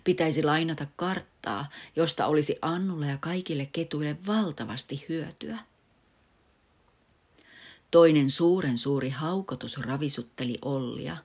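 A woman narrates a children's bedtime storybook, her voice pitched very low for a woman. She reads calmly and gently at an even pace, recorded close to the mic. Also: husky. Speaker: audiobook reader.

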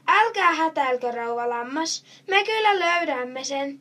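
An earnest young boy from a picture book asks everyone politely for help in his chase, as a woman reads his lines. His high voice sounds keen and a little breathless with purpose. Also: animated, pushed and bright, recorded from a distance. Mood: eager. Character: eager young boy chasing a chameleon.

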